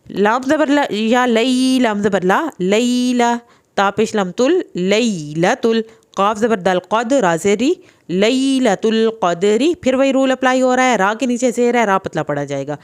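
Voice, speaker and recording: A young woman teaching Quran reading, slowly sounding out each letter and vowel mark syllable by syllable and then explaining the rules. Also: on the high side, clean tone. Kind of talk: slow spelled-out recitation lesson.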